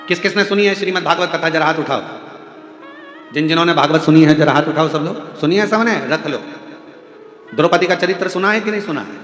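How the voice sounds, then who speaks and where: A man delivering a devotional sermon, his sing-song voice swinging from loud exclamations to soft low passages as he asks the crowd questions. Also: a little fast. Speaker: religious storyteller. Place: large venue with audience. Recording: echoey hall with faint music.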